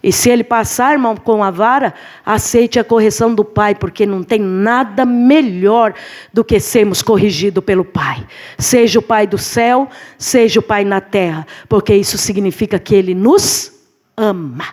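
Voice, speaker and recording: Uma mulher com sotaque brasileiro dando aula de escola dominical na igreja, em tom animado de pregação, chamando a turma de irmãos. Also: female voice, mid-range voice, moderate pace. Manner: lively, preacherly, addresses the class as brothers. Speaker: Sunday school teacher. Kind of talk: church Bible class lesson. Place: church hall.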